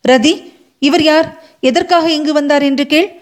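Brief: woman reader doing a high, fiery young dancer, hurt and indignant, for a storybook audio drama. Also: moderate pace, close to an everyday voice. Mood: wounded, indignant. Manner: tearful, indignant, speaking through a third party. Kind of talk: audiobook character voice.

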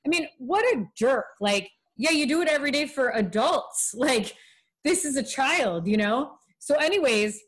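A young woman hosting a casual chat, telling a long personal story with lively quoted voices. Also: high-pitched, moderate pace. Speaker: podcast host.

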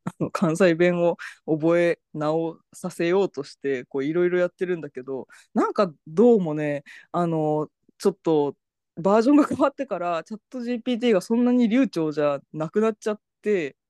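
A woman hosting a podcast in casual chat, telling an animated story and reading out chat messages. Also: on the low side, fairly quick, dry recording, clean studio sound. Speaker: podcast host.

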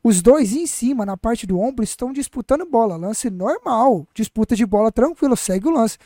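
A man's voice: very high-pitched, expressive, a little fast, dark tone, no room sound, clean studio sound. A man, pushing his point in a sports podcast debate and urging the others to watch the replay. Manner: insistent, keeps urging others to look at the replay. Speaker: podcast panelist.

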